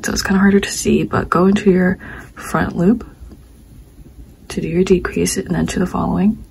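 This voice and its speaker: A young woman, slightly hoarse, teaching a step-by-step crochet tutorial and counting her stitches aloud as she works. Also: on the low side, a little hiss or hum, poor audio. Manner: calm, talks while working, counts stitches aloud. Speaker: crochet instructor.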